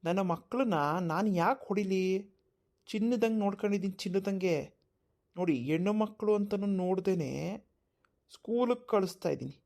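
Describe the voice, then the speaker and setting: A woman voicing a defensive, lying middle-aged village husband in a cartoon, with loud indignant denials. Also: mid-range voice, moderate pace, long pauses, close to an everyday voice. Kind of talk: cartoon voice acting.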